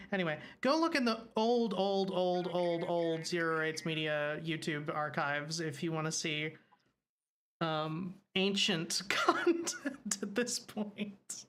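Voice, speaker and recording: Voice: medium pitch, a bit bright, slight background noise. Talky co-host on a live show, lots of ums, jumps in with corrections. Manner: chatty, quick corrections, many fillers. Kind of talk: casual livestream chat.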